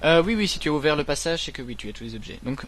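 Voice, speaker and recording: A man with a bright, forceful voice pitched a little high walks a friend through a game's mechanics. He jokes and banters in a loose let's-play commentary. A faint hum sits under the voice. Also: expressive, racing. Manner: explains game mechanics while joking around. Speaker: gaming channel co-host.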